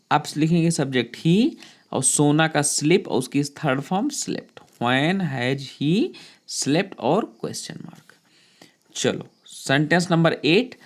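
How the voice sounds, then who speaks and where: A teacher gives a step-by-step grammar lesson at an ordinary mid-range pitch. The delivery is patient and explanatory, addressing the students fondly. English words are spelled out letter by letter and sentences are dictated slowly.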